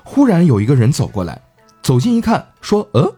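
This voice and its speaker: A man hosting a podcast, telling a folk tale in a chatty, animated way. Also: a little high, a little fast, breathy edge, soft background music. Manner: chatty, animated, laughing asides. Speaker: podcast host. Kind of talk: casual storytelling.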